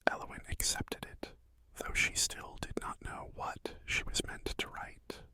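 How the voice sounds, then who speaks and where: A storyteller narrating an ASMR bedtime story in a hushed, soothing whisper, pausing often between phrases. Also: no echo. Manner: slow, hushed, soothing delivery with pauses.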